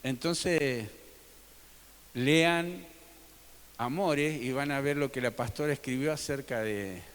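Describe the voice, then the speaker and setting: A man preaching a sermon as pastor, swinging between loud emphatic peaks and soft, low drops. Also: takes it slowly, smooth. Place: church sanctuary. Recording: long reverb of a church hall.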